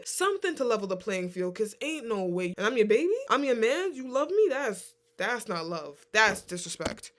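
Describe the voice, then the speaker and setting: A woman hosting a reaction video, talking casually and exclaiming in disbelief. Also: fairly high pitch. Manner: animated, exclaiming, incredulous.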